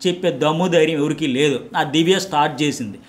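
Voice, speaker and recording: A middle-aged male journalist delivers a solo reality-show commentary at a very quick clip. His voice sits a little high for a man, and he presses his points hard, repeating words to drive them home. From India. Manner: emphatic, animated, repeats words for effect.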